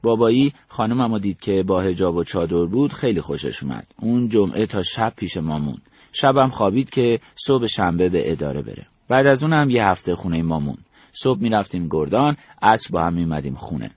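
A man's voice: low-pitched, animated, a little mellow, no room sound. An older man from Iran recounting his memories as a storyteller, acting out the dialogue he quotes. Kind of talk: spoken memoir narration.

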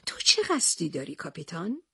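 Muddled old storybook professor, puzzled and hesitant, husky and lively, as a woman reader puts him on. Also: on the low side, no room sound, clean studio sound, pitched below the performer's own voice, full character voice. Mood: mild. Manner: bewildered, hesitant. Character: muddled, easily confused older male professor.

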